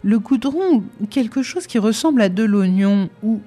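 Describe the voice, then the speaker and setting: A woman's voice: expressive, a little slow, mellow. A woman voicing an anxious, easily frightened young wife who cries out in alarm. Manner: fearful, shrill.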